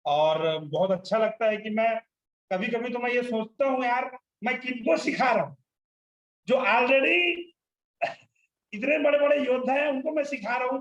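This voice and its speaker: A man with a very high voice runs an online sales training session, teaching and asking his listeners questions. The sound is roomy and echoey. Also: normal speed, fairly bright tone, muffled recording. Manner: teacherly, poses questions to the group. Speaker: sales trainer hosting a panel.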